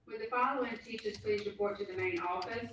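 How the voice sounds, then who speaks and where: Man on a school PA loudspeaker, high bright voice, slow formal announcement, very echoey, distant, muffled. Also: a little hiss or hum. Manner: slow, formal, reading out a list. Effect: heard over a school PA loudspeaker. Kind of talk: formal public address announcement. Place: school building, heard over the PA in a room.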